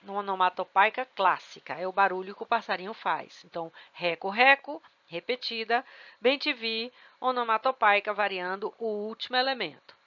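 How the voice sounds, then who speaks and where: A woman's voice: medium pitch, normal speed, pushed and bright, no room sound, dull audio. A woman teacher giving an exam-prep grammar lesson, explaining rules step by step and checking in with her students. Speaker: Portuguese teacher.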